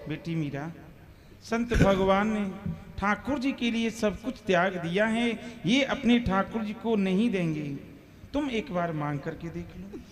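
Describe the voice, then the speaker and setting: A man playing a gentle mother who soothes her daughter and speaks respectfully to a saint, in a folk stage play. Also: sits high, a little slow. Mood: soothing. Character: gentle mother of a young girl.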